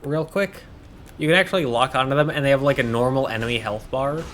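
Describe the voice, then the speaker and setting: A man's voice: mid-range voice, fast, a bit bright, a little hiss or hum. A man giving casual, joking commentary as he plays through a game. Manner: chatty, joking asides. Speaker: gameplay commentator.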